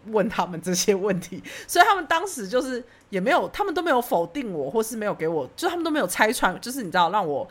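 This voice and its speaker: Lively fast-talking woman telling a story. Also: mid-range voice. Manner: animated storytelling, acting out her own past lines. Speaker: podcast host telling a story. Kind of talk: casual chat.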